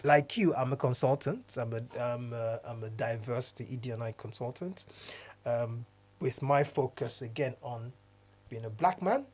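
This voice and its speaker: Nigerian-born male podcast co-host, earnest and halting, in relaxed conversation. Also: medium pitch. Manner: earnest, repeats and restarts phrases, laughs often. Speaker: podcast co-host, diversity consultant. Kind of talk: casual chat.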